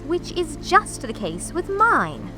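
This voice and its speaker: A woman's voice: high voice, wildly swooping pitch, slow, over music, heavily acted. A woman playing a grumbling, mournful and whimsical tea-party eccentric in a dramatic audiobook, theatrical and singsong. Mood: contemptuous, whimsical. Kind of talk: full-cast dramatic audiobook reading.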